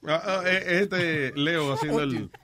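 A man's voice: fairly high pitch, takes it slowly, a crowd in the background. A man with a Dominican accent in casual, slangy, foul-mouthed banter, switching between Spanish and English. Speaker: talk show host.

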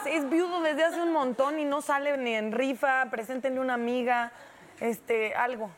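A woman's voice: sits high, steady tone, moderate pace. A woman co-hosting a talk show, joking and teasing in casual chat.

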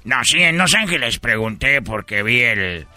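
A man telling a comic story, animated, with sudden high-pitched shouts. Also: unhurried, soft background music.

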